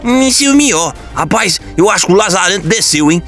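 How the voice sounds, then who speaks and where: Comedy gamer, high bright voice, lively and exaggerated, faint music under. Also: male voice, a little fast. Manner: excitable, exaggerated, folksy rural slang. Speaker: gaming comedy creator. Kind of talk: comedic gameplay commentary.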